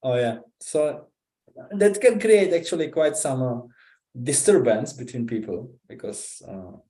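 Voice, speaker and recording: A man from the Republic, giving an informal scripture talk in a halting, conversational way, often checking in with "right?". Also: mid-range voice, lively intonation, dark tone. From Czech Republic. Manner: conversational, halting, with frequent 'right?' and 'you know?'. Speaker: visiting speaker giving a scripture class. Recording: roomy echo.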